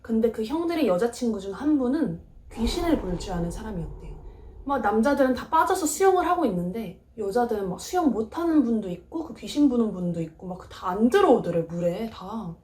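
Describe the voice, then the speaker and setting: A woman's voice: a little high, a little fast. Woman telling ghost stories, echoey room. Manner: acts out the quoted lines in lively bursts. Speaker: horror storyteller.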